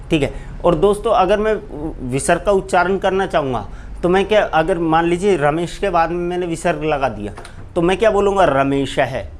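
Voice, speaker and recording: A man teaching Hindi grammar in a live online class, asking his students questions and answering them himself, often calling them "friends". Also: a little hiss or hum. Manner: keeps repeating "friends" to address students; drops low and slow on each answer. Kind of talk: live online exam-prep lecture.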